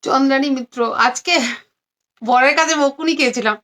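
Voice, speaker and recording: A tired, low-energy woman selling saris on a live stream, repeating every price again and again. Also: fairly quick, fairly bright tone. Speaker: online saree seller. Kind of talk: live-stream sales pitch. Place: indoors among stacks of saris.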